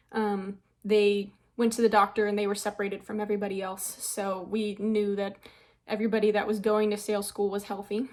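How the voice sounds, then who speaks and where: A young woman chats to her viewers in a loose, rambling way, full of ums and quick little laughs. She sounds a touch out of breath, and her voice sits at an ordinary middle pitch for a woman. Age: young adult. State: a bit out of breath. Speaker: vlogger. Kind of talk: casual chat.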